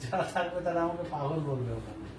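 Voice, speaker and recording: A man's voice: on the high side, fast. A man playing a husband in a home skit, talking in a playful, teasing way. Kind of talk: acted domestic skit. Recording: echoey room from a distance with noise.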